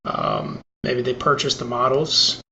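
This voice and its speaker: A man with a gravelly, creaky voice explains technical animation work plainly and matter-of-factly as a podcast guest. The sound is dull and lo-fi, with faint noise underneath. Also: medium pitch, wildly swooping pitch, a little slow, bright, forceful tone. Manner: technical, matter-of-fact, with stutters and restarts. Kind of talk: casual podcast chat.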